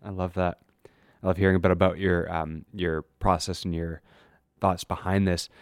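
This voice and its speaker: Low-voiced male host, attentive questioner, dry close recording. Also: level tone, moderate pace, smooth, no room sound. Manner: attentive, asks open questions. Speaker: interview host. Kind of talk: interviewing.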